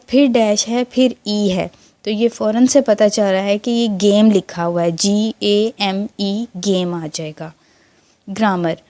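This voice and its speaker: A woman teacher with a Pakistani accent going through a textbook lesson, reading English lines slowly and explaining them in Urdu. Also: mid-range voice, mellow.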